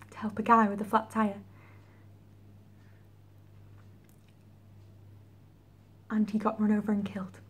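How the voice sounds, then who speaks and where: Woman acting a husky, sorrowful young widow. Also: mid-range voice, close to an everyday voice. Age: 20s. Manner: sorrowful tragic delivery, halting with heavy pauses. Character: grieving, volatile young widow, raw and defensive. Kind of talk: dramatic monologue performance. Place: small room at home, indoors.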